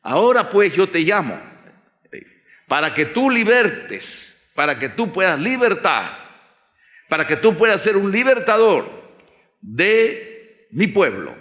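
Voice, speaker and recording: A man voicing God as a solemn, commanding voice that gives slow orders. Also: sits high, sing-song, fairly bright tone, pitched above the performer's own voice, full character voice. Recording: long hall reverb.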